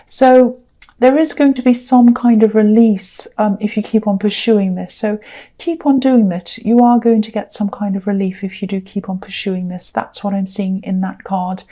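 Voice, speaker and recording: A woman reading tarot cards to her viewers in an unhurried monologue. Her voice is mellow and warm, with a middling pitch. She is earnest and reassuring, and she repeats herself and fills gaps with ums and you-knows. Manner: earnest, reassuring, with frequent fillers and repetition. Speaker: tarot reader.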